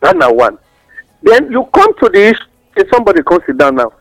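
On a dry, poor-quality recording with soft background music, a Nigerian-accented man with a high, wildly swooping voice talks fairly quickly. As a radio guest offering advice in West African Pidgin English, he teaches using examples and rhetorical questions.

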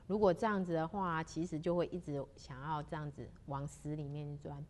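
A woman's voice: deep voice, flat delivery, a little mellow. A woman telling a religious legend in a chatty way, drawing out her sentence-end particles. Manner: chatty, with many drawn-out particles. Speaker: storyteller. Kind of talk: spoken storytelling of a religious legend.

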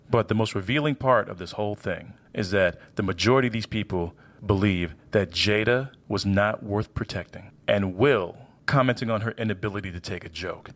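A man delivering scripted opinion commentary with emphatic, measured phrasing. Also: mid-range voice.

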